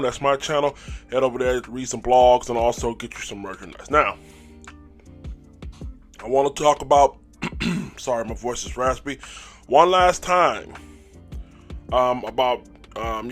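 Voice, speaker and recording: A man hosts a sports fan channel, delivering a casual game recap in a hoarse, raspy voice. His mid-range voice has a fairly bright tone, and he keeps up hyped call-and-response while clearing his throat often.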